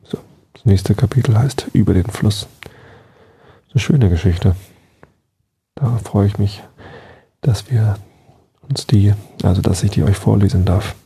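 A man hosting a sleep podcast, reading a story aloud in a calm, soft and unhurried manner. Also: fairly low pitch, gravelly, husky. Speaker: podcast host and reader.

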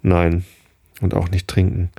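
A man voicing a gentle, weary, parched wanderer near death in a read-aloud story. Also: sits low, monotone, measured pace, gravelly, husky, dry recording, clean studio sound, heavily acted. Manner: gentle, tired, soothing.

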